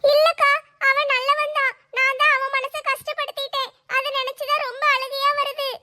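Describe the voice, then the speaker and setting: A woman's voice: very high-pitched, flat delivery, moderate pace, bright, forceful tone, full character voice. A woman voicing a shy, tearful young woman who speaks in a hesitant, pleading way. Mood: anxious.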